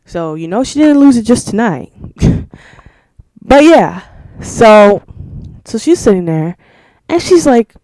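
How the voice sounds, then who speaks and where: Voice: medium pitch, sing-song, slow, pauses often, mellow, no echo. A reviewer giving a casual spoken film review, rambling and swearing freely, filling gaps with "you know" and "like". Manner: laughs between remarks.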